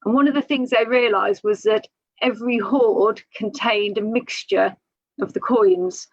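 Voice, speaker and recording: A woman's voice: medium pitch, steady tone, unhurried, no echo, dull audio. A woman archaeologist on a panel, explaining findings thoughtfully with frequent ums and restarts over a video call.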